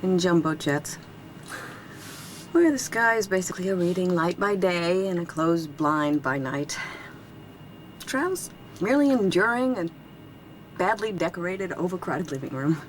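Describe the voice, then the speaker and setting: A wry, nervous passenger. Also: female voice, on the low side, animated, a little slow, long pauses, slight background noise. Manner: wry, guarded. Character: nervous, witty young woman passenger. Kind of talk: daytime soap acting.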